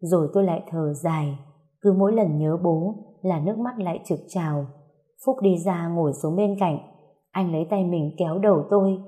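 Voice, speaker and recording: Mellow woman telling a sad story. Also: lowish voice. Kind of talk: scripted first-person story narration.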